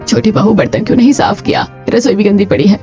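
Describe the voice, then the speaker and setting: A woman's voice: mid-range voice, big pitch swings, fast, natural voice. A woman doing a bossy scolding mother-in-law. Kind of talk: cartoon voice acting. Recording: lo-fi with soft music.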